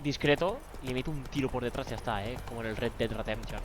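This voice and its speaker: A man's voice: mid-range voice, fast, noisy background. A young man with a Spain accent, giving slangy, jokey commentary while playing a game. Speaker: streamer. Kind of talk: casual let's play commentary. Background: game music.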